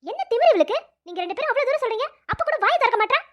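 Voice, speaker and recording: A stern middle-aged camp teacher in a cartoon, played by a woman scolds with authority. The voice is very high-pitched and rapid. She sounds firm and commanding. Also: muffled recording. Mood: angry. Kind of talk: cartoon voice acting.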